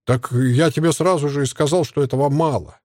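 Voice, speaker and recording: A man's voice: on the high side, brisk, darkish tone, no room sound, clean studio sound, close to an everyday voice. A man voicing a drug-addled, giggling sadistic surgeon henchman in an audiobook. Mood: whining. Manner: cheerful, giggly, whiny when scolded. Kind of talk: audiobook character voice.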